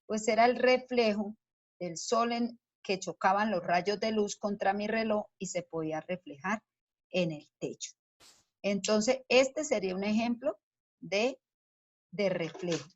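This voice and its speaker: A woman's voice: mid-range voice, a little slow. A woman teacher giving a science lesson to children, explaining patiently step by step and asking the class questions as she goes. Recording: dull lo-fi sound.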